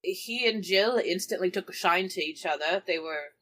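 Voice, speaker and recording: Her voice lowish and a bit bright, this woman talks at a normal speed as she plays a tabletop RPG. She narrates what happens in character, keeping it conversational, informal, and explanatory.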